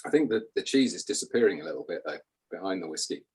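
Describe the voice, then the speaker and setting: A man talking through a tasting in a measured, descriptive way, and telling a deadpan tall tale. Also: low-pitched, slightly rough. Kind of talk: casual tasting chat.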